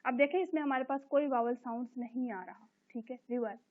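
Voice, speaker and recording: A woman teacher explaining an English lesson step by step, repeating each word slowly. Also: sits high. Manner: explains step by step, repeats words slowly and checks with a recurring "theek hai". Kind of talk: recorded classroom lesson explaining English grammar. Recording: tinny phone-like recording.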